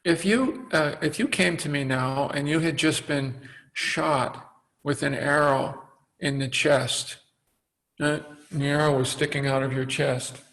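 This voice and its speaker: A man voicing a calm, patient male sage who teaches by asking questions. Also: fairly high pitch, unhurried, rough recording.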